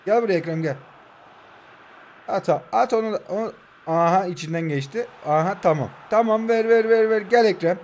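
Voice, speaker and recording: A man's voice: high-pitched, normal speed, darkish tone, slight background noise. A man in his twenties giving heated live commentary over a mobile football game, urging his players on and needling his opponent. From Turkey. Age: 20s.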